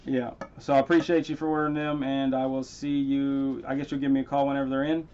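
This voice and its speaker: A man hosting a casual coin-hunting livestream. He talks straight to his chat viewers by name and gets loudly excited over his finds. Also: mid-range voice, fast, clear, resonant tone, highs cut off.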